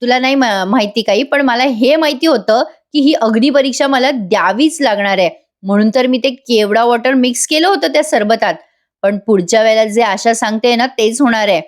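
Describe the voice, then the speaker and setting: Brief: sly young woman with a calm, knowing delivery, voiced by a woman reviewer. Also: a little high, brisk, lightly acted.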